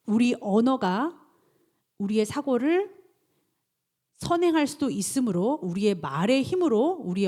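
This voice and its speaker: A woman pastor preaching a sermon, animated and acting out inner self-talk in quoted voices. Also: medium pitch.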